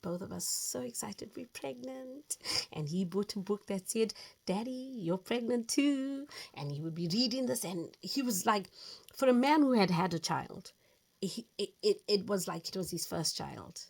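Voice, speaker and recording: A woman in her fifties telling her own story as host, earnest and reflective, with lively emphasis. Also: mid-range voice, moderate pace, gravelly, slightly rough. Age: 50s. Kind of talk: personal storytelling monologue.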